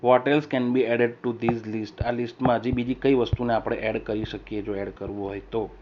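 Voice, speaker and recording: Guy teaching english vocab, reads sentences out slow n loud, keeps checking u got it, muffled recorder with light hiss. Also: medium pitch, steady tone. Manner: reads English sentences slowly and louder, then explains; keeps checking understanding with short questions. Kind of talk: recorded classroom lesson. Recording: dull lo-fi voice recorder with faint hiss.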